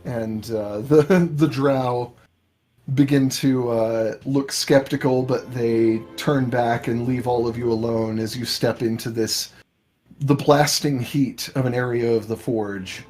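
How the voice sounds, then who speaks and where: A man narrating a tabletop game as game master, improvising the story in a halting, measured way. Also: mid-range voice, steady tone, a little mellow. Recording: faint background music.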